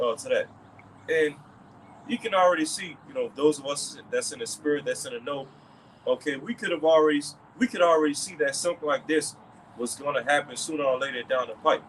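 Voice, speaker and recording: Rambling through a religious commentary, this man keeps returning with "okay" and "all right" as he moves between thoughts. His middle-pitched voice sounds a bit bright, and the poor audio has a faint hiss beneath it.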